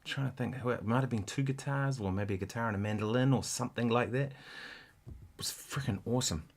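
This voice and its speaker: Hosting a laid-back guitar livestream, a man with a mid-range voice and vocal fry talks in a halting, rambling way. He keeps restarting his sentences and now and then counts out rhythms.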